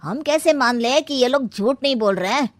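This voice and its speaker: A woman's voice: sits high, normal speed, no room sound, lightly acted. A woman playing a blunt, insistent family elder in a comic story, speaking in a pointed, challenging way. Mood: sceptical, pointed. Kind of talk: comic Hindi audio story dialogue.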